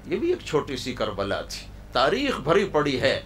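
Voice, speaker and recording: A male preacher telling a story in a sermon at a university hall, dramatic, swinging between loud cries and hushed tones. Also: medium pitch, huge pitch swings, slight background noise.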